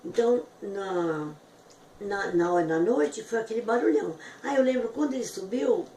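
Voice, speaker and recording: A woman tells a personal testimony with fervent emotion, her voice leaping high at the peaks. She sounds distant from the mic in a roomy, echoey space, with faint background noise. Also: lively intonation, normal speed, dark tone. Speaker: testimony giver.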